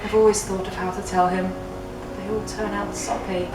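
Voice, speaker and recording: With music underneath, an echoey room, a far-off mic, and some background noise, a drunk woman giggles her way through a hammy, theatrical reading of fan fiction for a comedy web show. Her medium-pitched voice stays level at a moderate pace.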